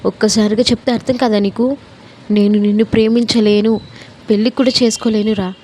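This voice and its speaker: A woman's voice: mid-range voice, level tone, fairly quick, a little mellow, a little hiss or hum, natural voice. A woman voicing a grieving young widow who firmly turns away the man she loves. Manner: firm, sorrowful. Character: grieving young widow refusing her lover.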